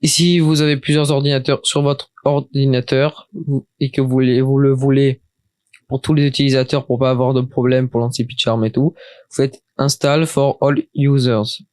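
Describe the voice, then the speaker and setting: Sitting at his desk, this man records a relaxed software walkthrough, chatting along but hesitating, often stopping, starting over and using fillers. He speaks at medium pitch and a moderate pace, flat and a little mellow, on a dry recording.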